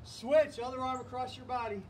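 High-pitched male fitness coach, energetic cue-calling, mic set back, faint hiss. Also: moderate pace. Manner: energetic, calls out counts and cues. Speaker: fitness instructor. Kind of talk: live online workout coaching. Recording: distant mic, faint background noise.

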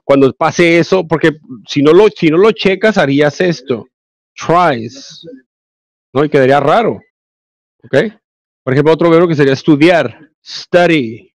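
A male English teacher with a Mexican Spanish accent teaches an online class, explaining grammar step by step and checking in often. His voice is a little high and brisk, and the recording is dry.

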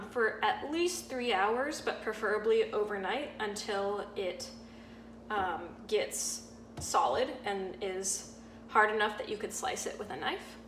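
Woman chef teaching in an echoey kitchen. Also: medium pitch. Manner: relaxed, explaining step by step with frequent ums. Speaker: sous chef. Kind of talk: cooking demonstration. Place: home-style kitchen, indoors. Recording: echoey kitchen with audible background noise.

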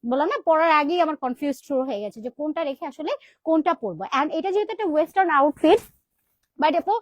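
A woman's voice: high voice, animated, fast talker, dry recording, highs cut off. A young woman with a Bangladeshi accent presenting clothes on a live sales stream, chatty and sprinkling in English words. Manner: chatty, mixes in English words, calls viewers "sister".

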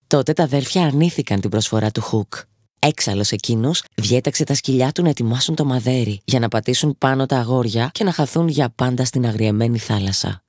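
Woman narrator, children's audiobook, expressive lilt, dry close studio sound. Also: very deep voice, dry recording. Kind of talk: scripted storybook narration.

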